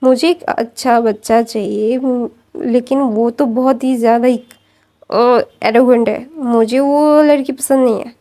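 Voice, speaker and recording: A woman voicing a sharp-tongued middle-aged mother who scolds and dismisses others. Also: a little high, fairly even intonation, a little slow. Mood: scolding.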